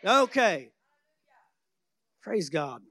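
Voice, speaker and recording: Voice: medium pitch, very animated, drawn-out words, fairly bright tone, dry recording. A preacher delivering a sermon to a congregation in an exhorting, emphatic and conversational way, repeating phrases for weight.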